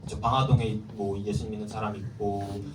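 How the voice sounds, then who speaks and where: A man's voice: fairly low pitch, fairly quick, crowd noise. A man preaching to middle schoolers as a youth pastor, storytelling and quizzing his listeners. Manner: lively, keeps quizzing the listeners. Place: church hall. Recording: echoey hall, mic far off, faint ambience.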